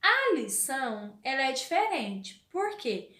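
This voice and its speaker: A woman teaching a recorded spelling lesson to young children, talking slowly in a sing-song way and asking questions she answers herself. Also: sits high, very animated, pushed and bright. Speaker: primary school teacher. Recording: echoey room, voice off-mic.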